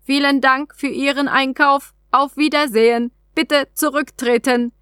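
A prim robotic alien trading capsule, put on by a woman storyteller, reciting its notices in clipped, formal phrases. The voice sits fairly high and sounds dry and close. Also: level tone, unhurried, bright, forceful tone, no room sound. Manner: clipped, formal machine announcements.

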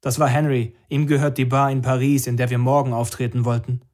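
A calm, defiant young band leader, read by a man, speaks in short, matter-of-fact lines. His voice stays close to the reader's own. It is an audiobook dialogue part. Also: mid-range voice, a little fast, close to an everyday voice. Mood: terse. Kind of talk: audiobook character voice.

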